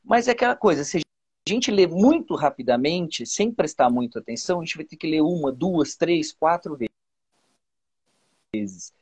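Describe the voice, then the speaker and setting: A male teacher with a Brazilian Portuguese accent, giving exam advice in a casual, halting way with many repeated words and fillers, over a video call. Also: a little high, expressive, a little mellow, husky. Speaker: teacher, guest.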